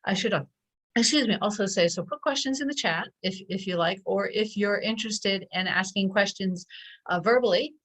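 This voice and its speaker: Hosting an online science event over a video call, a woman with a medium-pitched, slightly bright voice speaks at normal speed, casually and hesitantly, with lots of fillers, through her computer mic.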